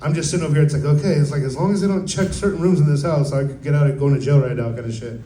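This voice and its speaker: A young man telling a profane, laid-back stand-up story at an open mic, slipping into quick voiced quotes. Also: fairly high pitch, warm tone, a little hiss or hum. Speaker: stand-up comedian. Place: open mic at a coffee bar. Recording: roomy live venue sound.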